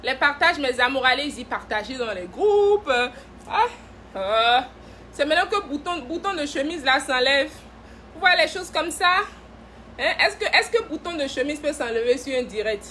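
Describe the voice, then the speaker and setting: A high, bright-voiced woman chatting on a live stream to sell her cosmetics line. She teases her viewers playfully, laughs often and greets them by name. A faint hum of room sound sits behind her. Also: lively intonation, normal speed. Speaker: cosmetics brand director hosting a live stream. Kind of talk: casual live-stream selling chat.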